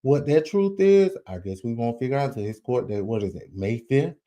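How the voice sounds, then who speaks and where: A man's voice: medium pitch, lively intonation, fairly quick, warm tone. A man casually commenting on celebrity news, chatty and folksy, talking straight to his viewers with slang and asides.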